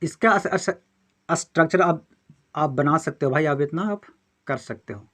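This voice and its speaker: A man's voice: fairly high pitch, normal speed, a bit bright. Male teacher quizzing his own class. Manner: asks the class questions and answers them himself, repeats key terms. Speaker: chemistry teacher. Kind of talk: classroom lecture.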